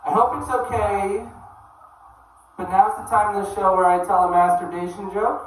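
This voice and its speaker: Man, stand-up comic, deadpan, halting, very echoey room, heard from far off. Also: sits high, slight background noise. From Canada. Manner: deadpan, hesitant with many ums and uhs. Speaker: stand-up comedian. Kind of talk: stand-up comedy set. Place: comedy club stage.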